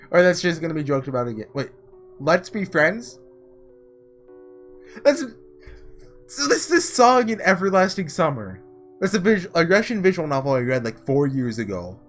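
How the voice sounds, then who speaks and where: A man's voice: a little high, sing-song, moderate pace, long pauses, faint music behind. A man hosting a casual gaming playthrough, thinking aloud informally and reading visual novel text. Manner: informal, musing out loud. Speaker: gaming video host.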